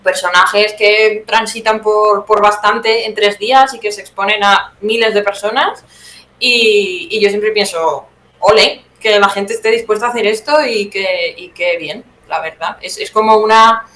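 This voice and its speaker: The interviewed playwright, a Spanish-accented woman from Teruel, keeps a steady tone and measured pace in her mid-range, somewhat bright voice. She answers reflectively, self-correcting in conversation, while the room echoes and a little background noise comes through.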